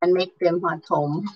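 A woman with a Filipino accent chatting casually with live viewers, mixing languages, thanking people by name and pausing on fillers. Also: lowish voice, slightly rough, highs cut off. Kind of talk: casual live-stream chat. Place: indoors at home in Canada.

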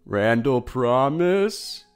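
A man's voice: medium pitch, expressive, drawn-out words, clean tone, soft background music. A man voicing a big, timid, simple-minded Saint Bernard with childlike broken speech in a comic dub. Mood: simple, insistent.

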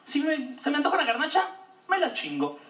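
Animated Mexican man doing stand-up. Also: very high-pitched, a little fast, muffled recording. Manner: slangy, crude, self-mocking. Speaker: stand-up comedian. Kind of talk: stand-up routine. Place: comedy stage before an audience. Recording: roomy club audio, distant mic, noisy.

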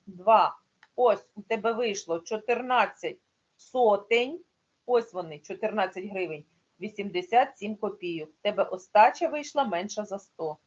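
A woman's voice: on the high side, breathy edge, dull audio. A woman teaching a primary school class online, explaining patiently step by step.

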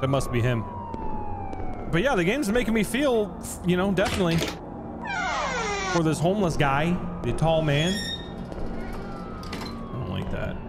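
A man's voice: sits high, lively intonation, normal speed, long pauses. A man giving casual, sweary horror game commentary as a scared streamer, mixing jumpy reactions with wry jokes. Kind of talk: casual let's-play commentary. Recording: loud game music and sound effects behind. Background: horror game soundtrack.

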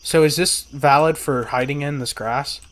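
A man's voice: a little high, normal speed. A man chatting casually as a co-player during a video game. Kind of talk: casual gaming chat.

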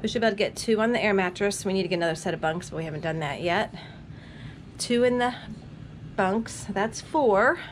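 Filming on a handheld camera at arm's length, a middle-aged family vlogger rambles cheerfully, with plenty of ums, through her renovation of a small lake house, both inside and out in the yard. Her mid-range voice is brisk, with a slight hiss or hum in the audio.

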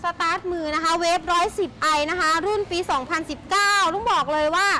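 A woman's voice: extremely high pitch, a little fast. A woman presenting a chatty sales walkaround as a shop host, with gushing, enthusiastic patter. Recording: noisy handheld recording with vehicle sounds.

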